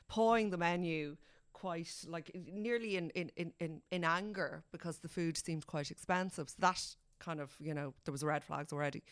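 Smooth-voiced woman, chatty host. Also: fairly low pitch. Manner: chatty, questioning, with hesitant fillers. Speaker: podcast co-host. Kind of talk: casual chat.

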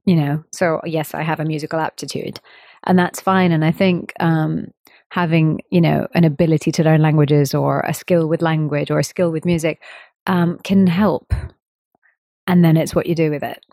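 Interview guest, woman, 30s; low and gravelly, thoughtful and unhurried, quick to laugh. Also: steady tone, mellow, dry recording, studio quality. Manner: thoughtful, measured, laughs easily. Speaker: interview guest, sitar player. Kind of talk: relaxed conversational interview.

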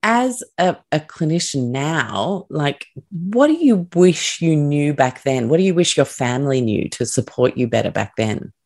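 Gravelly, very low-voiced woman host. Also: lively intonation, measured pace, hardly any pauses, darkish tone. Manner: reflective, candid, shares personal stories. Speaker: podcast host. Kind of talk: conversational interview.

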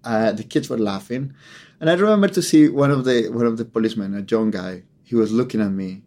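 A man's voice: mid-range voice, darkish tone. A man, a photographer, giving a grave personal account in an interview, often repeating words as he searches for how to say things. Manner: halting, repeats words while searching for phrasing; earnest, grave storytelling.

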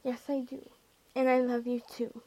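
A woman voicing a gentle young woman who speaks softly and in a hushed way. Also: a little high, monotone, measured pace, low-quality recording. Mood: tender. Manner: soft, hushed.

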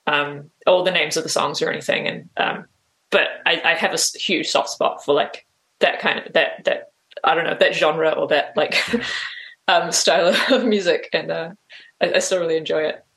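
A woman's voice: low voice, fairly even intonation, moderate pace, a bit bright. Hesitant New woman guest. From New Zealand. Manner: hesitant, full of "like" and "um" fillers. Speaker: interview guest. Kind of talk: casual interview answers.

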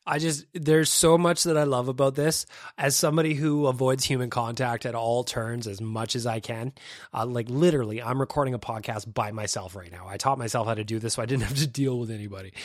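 A man's voice: mid-range voice, fairly even intonation, brisk, no echo. A Canadian man hosting a casual podcast alone in a home studio, wry and self-deprecating as he reacts to voicemails. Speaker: podcast host. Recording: dry close mic with faint music.

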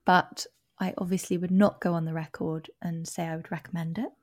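A woman's voice: on the low side, flat delivery, brisk, a little mellow, no room sound, studio quality. A woman from Devon, a travel journalist, chatting casually on a podcast with enthusiastic, wry asides. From Devon, England.

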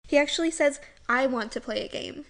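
Woman co-host, casual chat, higher-pitched voice, chatty delivery with frequent laughs. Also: a little fast, fairly bright tone. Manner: chatty, laughs often, drops to a low aside.

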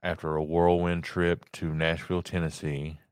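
A man's voice: deep voice, little pitch movement, moderate pace, smooth, no room sound, clean studio sound. A man chatting casually as co-host of a podcast. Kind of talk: casual chat.

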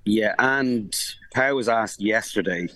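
A man, a sports journalist calling in from abroad who gives rapid, animated football analysis full of restarts and fillers. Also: lowish voice, no room sound, low-quality recording. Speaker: sports journalist reporting from the tournament. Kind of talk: casual podcast analysis. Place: remote link from abroad.

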